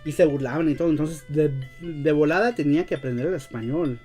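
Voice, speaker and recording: This Los Angeles-raised show host from the United States speaks English natively but chats on his casual live stream in slangy Mexican-style Spanish, frequently stopping to search for the right word. The pitch is fairly high and the delivery mellow, while soft music plays behind him.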